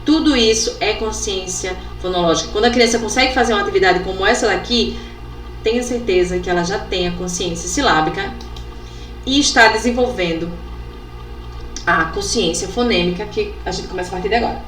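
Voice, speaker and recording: A woman from Brazil, an educational psychologist giving a workshop, sounding out letters and syllables slowly and ending phrases with tag questions. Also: medium pitch, fairly bright tone. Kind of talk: instructional workshop talk. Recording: echoey room with faint background noise.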